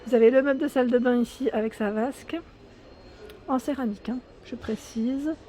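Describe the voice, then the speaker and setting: Touring a big home improvement store indoors, a French-accented woman vlogger talks eagerly and casually, calling out prices and sizes as she goes. She speaks briskly in a steady, dark-toned voice on the high side, and there's slight background noise.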